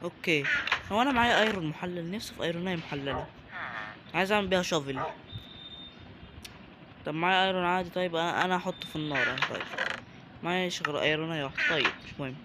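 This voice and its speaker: Young Egyptian man, game commentary, joking and chatty, slightly high voice, noise in the background. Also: racing, pauses often. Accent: Egyptian Arabic. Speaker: gaming YouTuber. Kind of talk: casual let's-play commentary.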